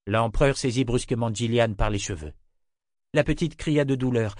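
A man reading a fantasy novel aloud as an audiobook narrator, in a steady, even storytelling manner. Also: medium pitch, moderate pace, no room sound, studio quality. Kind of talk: scripted narration.

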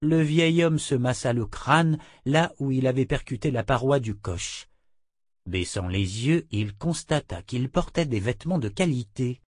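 A man reading a fantasy novel aloud as narrator, measured and steady. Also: medium pitch, no room sound, studio quality. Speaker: audiobook narrator. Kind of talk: scripted narration.

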